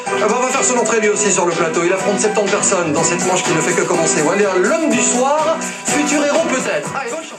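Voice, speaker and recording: A man's voice: high-pitched, expressive, fast, over loud music. Teasing game show host man. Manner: chatty, teasing, stammers at times. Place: TV studio. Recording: echoey TV studio.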